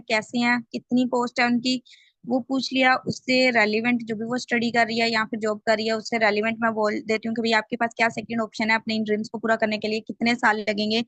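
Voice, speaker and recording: A woman's voice: on the high side, a bit bright, no echo. A woman sales trainer on a video call, explaining step by step and often checking in with the group. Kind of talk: online team training call.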